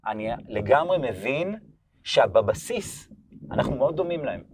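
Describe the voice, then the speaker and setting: A hoarse man explaining things thoughtfully in a casual chat. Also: mid-range voice, sing-song, a little mellow, recorded from a distance.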